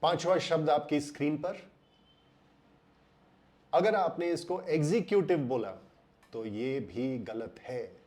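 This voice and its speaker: An Indian man explaining English pronunciation in a voice-over lesson, slowing down and drawing out words to stress them. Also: fairly high pitch, darkish tone.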